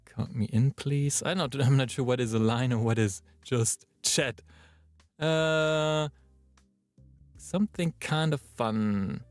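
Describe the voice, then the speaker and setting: A male voice actor, chatting and thinking out loud during a live-streamed recording session in his booth. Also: medium pitch, takes it slowly, dry recording, soft background music. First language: German. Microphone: booth microphone.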